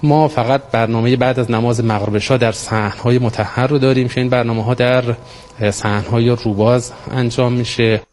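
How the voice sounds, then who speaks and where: A man's voice: mid-range voice, steady tone, darkish tone. A man with an Iranian accent gives an unscripted official statement to a reporter. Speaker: shrine deputy official. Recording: faint background noise.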